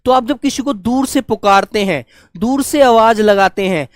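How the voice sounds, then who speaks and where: Hindi teacher calling pupils dear children. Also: male voice, sits high, normal speed, no room sound, clean studio sound. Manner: warmly addresses students as dear children, repeats "okay"; acts out loud calls to demonstrate. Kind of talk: online class lesson.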